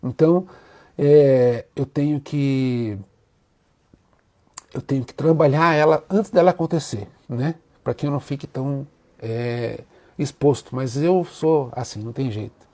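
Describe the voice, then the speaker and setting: A man's voice: medium pitch, a little slow, warm tone. A man with a Brazilian Portuguese accent, an Umbanda priest and teacher, giving an emotional, heartfelt live talk to his viewers. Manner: emotional, openly moved, speaks with feeling.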